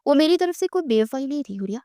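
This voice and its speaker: A woman plays a devoted young husband in a romance audiobook, firm and tender. He talks in an earnest, reassuring way, in a fairly high voice. The recording is dry and close. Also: lively intonation, warm tone, no echo.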